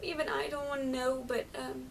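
A young woman playing a grieving daughter in a sad monologue, melancholy and tearful, saying a tender, halting goodbye. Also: little pitch movement, creaky. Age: young adult. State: crying. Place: small plain room, indoors. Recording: rumbly room noise, distant microphone.

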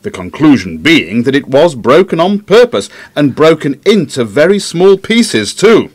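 An actor as Doctor Watson, lively, dry-witted sidekick. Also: male voice, fairly high pitch, unhurried, no room sound. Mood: wry, explanatory. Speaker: podcast guest. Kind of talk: conversational audio drama acting.

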